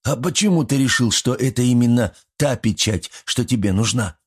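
In an audiobook, a man voices a cheeky, pushy little male gremlin who badgers, scolds and argues, bossy and quick to pick a fight. His medium-pitched voice has a breathy edge and is pushed up slightly, staying close to his everyday voice.

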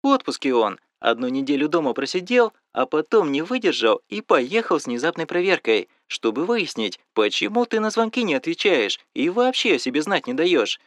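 A man's voice: fairly high pitch, big pitch swings, moderate pace, hardly any pauses, no echo. A man voicing a worried, nosy middle-aged mother in audiobook dialogue, fussing and asking question after question. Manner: fussy, coaxing, keeps asking questions.

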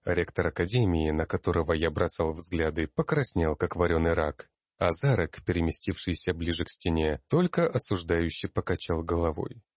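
A man's voice: low-pitched, expressive, normal speed, no echo, studio quality. A man narrating a fantasy audiobook in the first person, reading expressively with emphasis.

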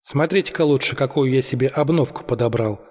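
A man voicing a cheeky young man who jokes around, in a husky voice with long reverb. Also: medium pitch, brisk, darkish tone, close to an everyday voice. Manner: jokey, playful.

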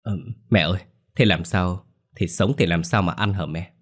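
A man's voice: sits low, moderate pace. A man voicing a timid middle-aged daughter-in-law who stammers and pleads. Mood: pleading.

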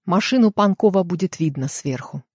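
A woman's voice: fairly low pitch, expressive, moderate pace, a little mellow, breathy edge, dry recording, studio quality. A woman reading a curt male police investigator. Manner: curt, dismissive.

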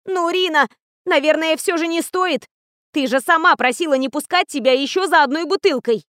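A woman voicing a young female student friend who teases and reacts quickly. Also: high voice, a bit bright, no echo, clean studio sound, pitched above the performer's own voice. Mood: teasing.

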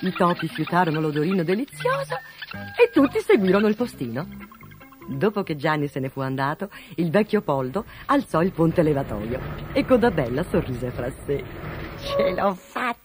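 A storyteller reading a children's fable aloud in an expressive, animated way. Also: medium pitch, moderate pace, over music. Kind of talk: scripted storybook narration.

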